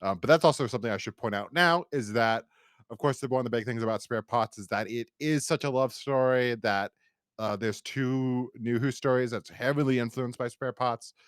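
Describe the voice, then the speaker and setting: An American man hosts a podcast, speaking casually and enthusiastically in a rambling fan-review style. His mid-range voice moves at a moderate pace with a clean tone, recorded in a clean studio with no room sound.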